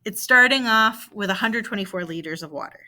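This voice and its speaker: Bright and clear, a female math teacher's mid-pitched voice guides a recorded video lesson through a word problem at a fairly quick clip. She stays patient and steady, raising questions out loud and then resolving them herself.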